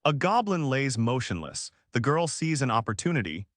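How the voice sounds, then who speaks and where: A man reads a comic recap as scripted narration, his pitch rising and falling in an animated way. The voice is close and dry, with almost no room sound. He voices the quoted lines in the same plain narrating voice. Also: moderate pace, dry recording.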